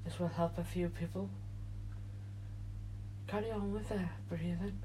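A man leads a guided meditation in a soft, hushed, soothing voice, leaving long pauses as he goes. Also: sits high, steady tone, slight background noise, low-quality recording. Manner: soothing, gentle, drawn-out delivery with long pauses. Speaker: podcast host and meditation guide.

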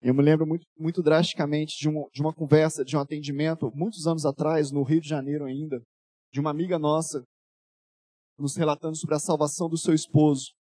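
A male pastor preaching a fervent sermon, moving between loud exhortation and quiet storytelling, in a dry room. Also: a little high, flat delivery, fairly quick, dry recording.

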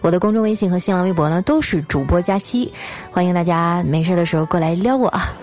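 A woman's voice: lowish voice, fast talker, a little mellow. A woman hosting a comedy talk show, telling jokes in a playful, teasing way. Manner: playful, teasing, acts out characters' lines. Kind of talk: scripted comedic storytelling.

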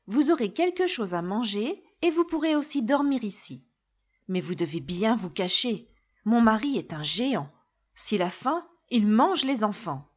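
A woman voicing the giant's kind wife, talking softly and coaxingly in a storybook reading. The recording is dull and lo-fi. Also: on the high side, big pitch swings, measured pace, breathy edge, exaggerated voice. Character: gentle kindly wife of a giant.

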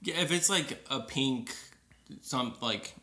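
A man's voice: mid-range voice, slow pace, sharp tone. A man co-hosting a podcast in casual chat, joking dryly and slipping into voices when he tells stories. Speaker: podcast co-host.

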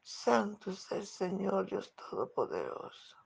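A preacher delivering a fervent sermon, repeating hallelujah between phrases and often dropping to a breathy whisper. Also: mid-range voice, big pitch swings, takes it slowly.

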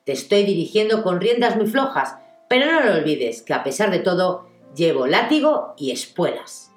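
A sardonic, domineering rich husband speaks from an audiobook, mocking and deliberate, as a woman reads his part. The voice sits a little low but swings widely. An echoey room carries faint music beneath. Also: very animated. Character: man, wealthy, sardonic, teasing and domineering husband.

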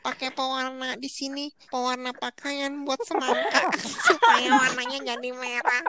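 A woman putting on the voice-changer sound of an anonymous male informant, slow and deadpan. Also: high-pitched, over a noisy crowd. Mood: deadpan confessing. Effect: voice changer imitated by mouth, no device.

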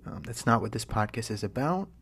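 A man hosting a casual solo podcast, playful and mock-sultry, talking close into the microphone right in the listener's ear and often dropping to a breathy whisper. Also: on the low side, lively intonation, a little fast, fairly bright tone. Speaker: podcast host. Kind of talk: casual chat podcast monologue.

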